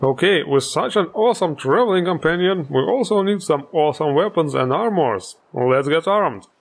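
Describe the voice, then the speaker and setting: A man's voice: fairly high pitch, lively intonation, moderate pace, faint music behind. A man hosting a game mod showcase, upbeat and joking, with plenty of enthusiasm. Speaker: host.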